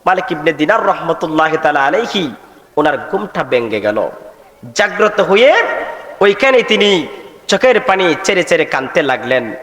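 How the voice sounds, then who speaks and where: A man with a Sylheti accent delivers a waz sermon in a high, bright, piercing voice. He chants his lines in rising melodic calls to the crowd. The sound rings through an echoey hall with a long tail of reverb. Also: big pitch swings, normal speed. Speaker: Islamic preacher. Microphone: microphone at a public gathering.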